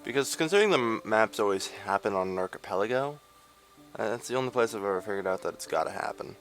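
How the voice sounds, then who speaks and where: A man's voice: lowish voice, expressive, fast talker, fairly bright tone, faint music behind. A young man hosting a let's play, giving rambling, sarcastic gameplay commentary into a desk microphone. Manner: rambling, sarcastic, many fillers.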